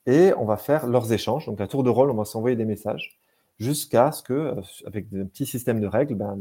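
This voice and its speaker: A man in relaxed conversation, describing games with plain enthusiasm. His voice is mellow and warm, pitched in an ordinary middle range. He stumbles, repeats words and restarts sentences as he goes. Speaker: game designer and translator. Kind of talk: casual chat.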